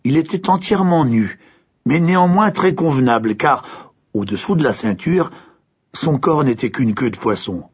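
Husky man narrating a fairy tale, expressive, dull lo-fi recording. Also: medium pitch, normal speed. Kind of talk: storybook narration.

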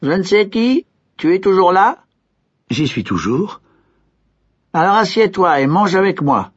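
Man doing a high eager peasant simpleton. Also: unhurried, slightly rough, heavily acted. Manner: high, excited calls. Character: simple-minded young peasant hero, eager. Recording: dull lo-fi recording.

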